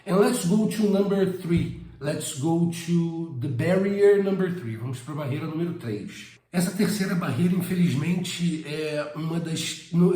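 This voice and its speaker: A man's voice: a little high, mellow, reverberant. A man from Brazil with a Rio de Janeiro accent, teaching a casual spoken lesson with frequent hesitations and repeated words. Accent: Rio de Janeiro Portuguese. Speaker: English teacher.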